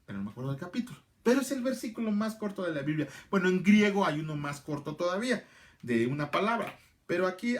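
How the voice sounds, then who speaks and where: A middle-aged man, teaching a casual Bible class and answering viewers by name. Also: fairly high pitch. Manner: chatty, answers viewer comments by name, repeats phrases.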